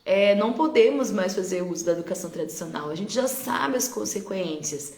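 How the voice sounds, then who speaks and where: A woman's voice: medium pitch, lively intonation, fairly quick, gravelly, a little mellow. A woman with a Brazilian Portuguese accent, a teacher talking to parents on a live stream, conversational and often checking in with her listeners. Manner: conversational, keeps checking in with tag questions. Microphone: phone on a live stream. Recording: roomy echo with faint ambience.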